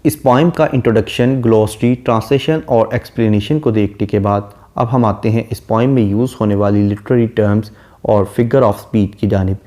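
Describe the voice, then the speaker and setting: A man with a dark, mellow voice delivers a classroom lecture on poetry. He reads English verse slowly and deliberately, then explains each line in a calm, steady teaching tone. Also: lowish voice. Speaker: literature lecturer.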